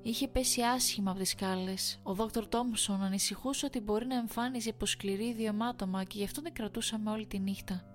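A woman reading a first-person horror story aloud in a measured, suspenseful storytelling manner. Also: medium pitch, steady tone, faint music behind. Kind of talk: scripted horror story narration.

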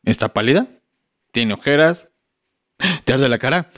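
A man's voice: mid-range voice, expressive, measured pace. A man playing a reassuring Mexican dad. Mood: gentle. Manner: gentle, reassuring. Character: patient caring Mexican father.

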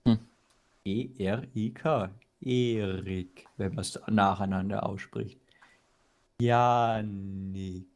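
A man's voice: lowish voice, fairly even intonation, takes it slowly, a little mellow. A young man co-hosting a casual podcast chat, hesitant and stubborn, often stumbling over his words. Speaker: podcast co-host.

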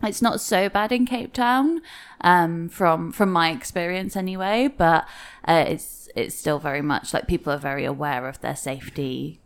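A woman's voice: on the low side, moderate pace, clear, resonant tone. Easygoing woman podcast co-host. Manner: easygoing, explains with many fillers. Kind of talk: casual chat.

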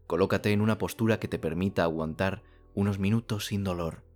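A man from guides a sleep relaxation in the manner of a sleep story narrator. His delivery is calm and soothing, with long pauses between phrases. Soft music plays behind him. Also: low-pitched.

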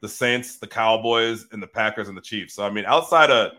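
A man co-hosting a sports podcast, talking in casual, animated, profane banter, often laughing. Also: lowish voice, brisk.

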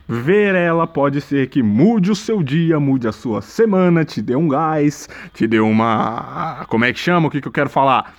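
A man giving a sarcastic, rambling casual monologue, mocking what he saw online and breaking into loud exaggerated bursts. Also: on the high side. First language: Portuguese. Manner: mimics a slow dazed voice when quoting.

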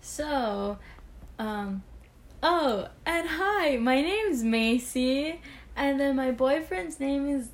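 A woman's voice: high voice, lively intonation, drawn-out words. A teenage girl co-hosting a casual podcast with her boyfriend, giggling often and talking a little awkwardly. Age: teens. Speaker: podcast co-host.

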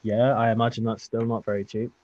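An Irish man co-hosting a casual podcast chat, making short, dry deadpan remarks. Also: mid-range voice, fast, dry recording, lo-fi sound. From Ireland. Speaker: podcast co-host.

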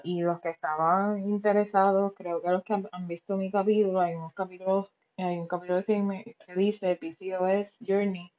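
A woman's voice: on the low side, darkish tone, lo-fi sound. A woman with a Puerto Rican accent talking frankly and casually on her own podcast, swearing freely and dropping English words into her speech. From Puerto Rico. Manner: frank and profane, mixing in English words, many fillers. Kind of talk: casual solo podcast monologue.

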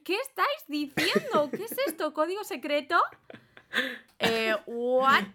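A woman's voice: high-pitched, very animated, unhurried, pushed and bright. A young woman chatting animatedly with friends, firing off incredulous questions. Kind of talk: casual group chat.

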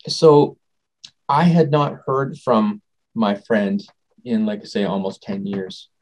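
A man being interviewed as a guest, telling a personal story in a rambling, animated way and often trailing off and restarting. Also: on the low side, slow, rough recording. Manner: animated, acts out quoted dialogue.

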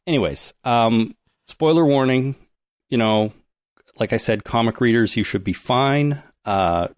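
A man's voice: medium pitch, a little slow, dry recording, studio quality. A man co-hosting a casual podcast, explaining things at length and giving spoiler warnings. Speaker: podcast co-host.

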